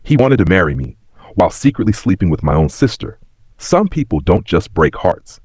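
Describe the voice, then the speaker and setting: Deep husky man narrating dramatically. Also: moderate pace, no echo. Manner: emotional, expressive delivery of a betrayal tale. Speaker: storyteller. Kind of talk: dramatic first-person story narration.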